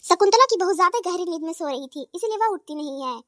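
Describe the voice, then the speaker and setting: A woman narrating a cartoon story in a simple, steady storytelling manner. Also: very high voice, fast, dry recording, studio quality.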